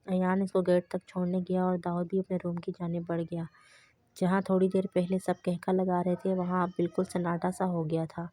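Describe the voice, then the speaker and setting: A woman reading a romance novel aloud as an audiobook narrator, in a flat, steady way. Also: on the low side, no room sound. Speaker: novel reader.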